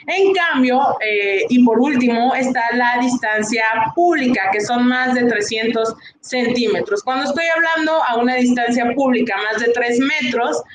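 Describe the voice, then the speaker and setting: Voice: mid-range voice, normal speed, hardly any pauses, crowd noise. A teacher with a Mexican accent, giving a recorded online class lecture in an explanatory way, often saying "bien" and asking rhetorical questions. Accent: Mexican Spanish. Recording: echoey room, faint background noise.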